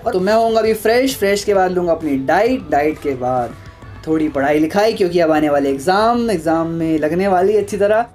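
A young man with a high, darkish voice chats casually and upbeat straight to his vlog viewers, talking fairly quickly. He films at home indoors on a phone held at arm's length, with faint music in the background.

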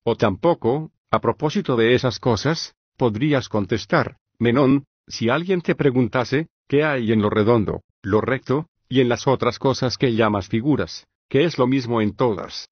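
A male reader voicing Socrates, an older patient philosopher, reading in an even, measured way with long reasoned questions. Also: mid-range voice, husky, no room sound, lo-fi sound, lightly acted. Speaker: audiobook reader. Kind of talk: scripted audiobook reading of a philosophical dialogue.

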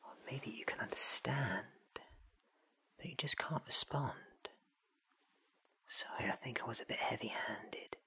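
A man's voice: mid-range voice, measured pace, long pauses, bright, forceful tone, breathy edge, full character voice. A man in his thirties playing an eccentric, curious, ancient alien time traveller, theatrical and wordy, in a close-miked ASMR roleplay. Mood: puzzled, curious. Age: 30s. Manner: theatrical, wordy, self-assured. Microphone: close sensitive microphone.

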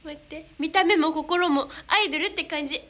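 Bubbly high-voiced young woman with Kansai accent. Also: brisk, fairly bright tone. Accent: Kansai Japanese. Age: young adult. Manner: bubbly, giggly, flustered exclamations. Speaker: idol livestreamer reading fan comments. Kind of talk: casual livestream chat.

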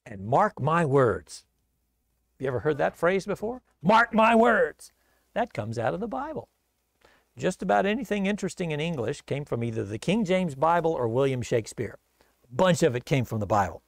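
A man's voice: on the high side, very animated, brisk, gravelly, dry recording, clean studio sound. A man from the United States teaching a casual Bible study sermon in a church, telling the story folksily and acting out the voices in it.

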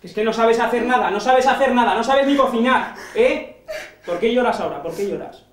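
A man's voice: high voice, fast, darkish tone, echoey room, natural voice. An actor playing an abusive, controlling husband who berates and mocks his wife. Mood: mocking rage. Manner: berating, mocking, swearing. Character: abusive controlling husband, middle-aged man, cruel.

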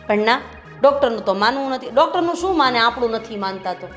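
A woman's voice: a little high, animated, fast, a bit bright, soft background music. An actress playing a concerned daughter-in-law, talking earnestly with her elders. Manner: earnest, complaining. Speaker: daughter-in-law in family drama. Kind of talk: Gujarati family drama acting.

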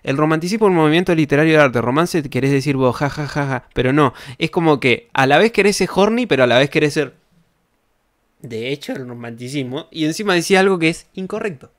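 With a fairly high, animated voice and a fairly quick pace, this young man from Argentina reads and reacts to tweets on stream in a Rioplatense accent. He rambles sarcastically, swears a lot and laughs at his own jokes, and the sound is clean studio quality with no room sound.

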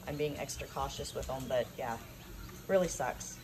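A low-voiced woman films on her phone and chats casually about her farm animals, plainspoken and full of ums and restarts. Faint peeping and farm sounds sit softly behind her voice. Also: normal speed, noisy background. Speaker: small farm vlogger. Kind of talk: casual off-camera narration while filming.

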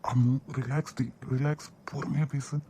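A man with a Kanyakumari Tamil accent voicing a caring young husband in a cartoon, speaking softly and comfortingly. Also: fairly high pitch, flat delivery, fairly quick, breathy edge. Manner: soft, comforting.

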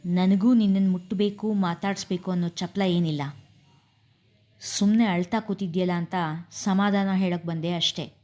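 A woman voicing a hurt young husband who speaks in a low, restrained voice. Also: steady tone, normal speed, a little mellow, natural voice.

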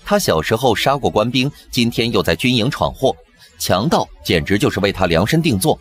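Low-voiced guy doing a drama recap voiceover, brisk and lively, soft music behind. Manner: brisk storytelling. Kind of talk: scripted narration. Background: background music.

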